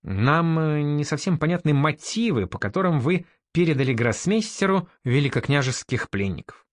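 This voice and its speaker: A hesitant, conciliatory guild master, read by a man narrating an audiobook, keen to calm every dispute. His pitch swings in lively arcs, and the sound is dry and close. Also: moderate pace, no echo. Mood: placating. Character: soothing, placating older male guild master.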